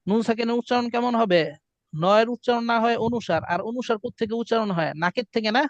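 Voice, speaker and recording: A high-voiced man leads a classroom lesson, drilling his students through chanted call-and-response and patient explanation. The recording is dry and muffled. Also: quick pace, no room sound. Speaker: Quran recitation teacher.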